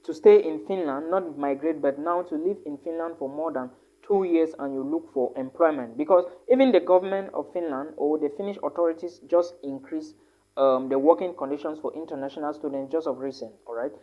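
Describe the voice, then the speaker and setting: A woman with a very low voice gives casual advice on studying abroad, tossing in "all right?" and fixing her words mid-sentence. She sounds a bit tired. The recording is dull and lo-fi. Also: a little fast. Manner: tag questions like "all right?", many fillers and self-corrections. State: tired, yawning a lot. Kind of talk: casual advice talk to camera.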